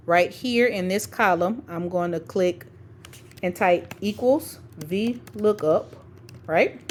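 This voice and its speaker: A woman's voice: mid-range voice, slight background noise. A woman teaching a screencast tutorial step by step, dictating formulas piece by piece and checking in informally as she goes. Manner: informal, checks in often with "okay" and "right". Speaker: spreadsheet tutorial instructor for educators. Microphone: screen-recording voice-over.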